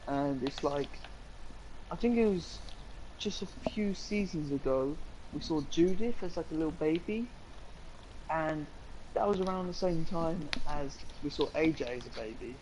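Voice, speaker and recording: A man's voice: on the high side, darkish tone, slight background noise, poor audio. A young man, co-hosting a casual live-stream chat, rambling eagerly with lots of fillers. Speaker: co-host.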